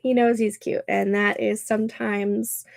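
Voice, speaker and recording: Here a woman in her thirties is casually livestreaming, reading the chat aloud, laughing frequently and chatting with a congested, nasal sound. Her voice is mid-range and gravelly, with little pitch movement and a slightly slow delivery. The sound is dry and clean, like a studio.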